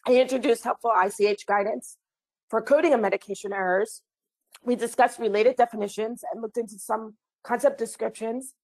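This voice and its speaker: A woman, a little hoarse from a recent cold, wraps up an online training session over a computer mic. She talks in a friendly, chatty way, slipping in small apologies. Her pitch sits in the ordinary middle range. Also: a little mellow, poor audio. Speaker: webinar trainer. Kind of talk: online training webinar wrap-up.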